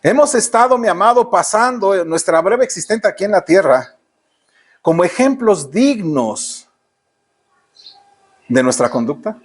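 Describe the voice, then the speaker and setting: A man's voice: sits high, expressive, measured pace, long pauses, slightly rough. A man with a Mexican Spanish accent preaching a sermon in church, often asking the congregation rhetorical questions. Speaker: pastor.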